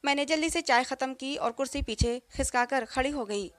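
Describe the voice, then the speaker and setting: A woman narrating a first-person story as a storyteller, in a steady, emotional reading. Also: high voice, fairly quick, no room sound.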